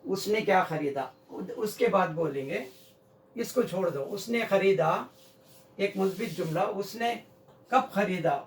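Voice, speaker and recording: A man teaching English grammar at a whiteboard, slowly repeating example sentences. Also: sits high, a little hiss or hum. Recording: echoey room, mic far off.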